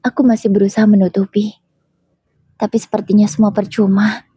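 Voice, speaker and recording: A woman narrating a first-person story in a soft, breathy voice. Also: mid-range voice, little pitch movement, a little fast, dry recording, clean studio sound.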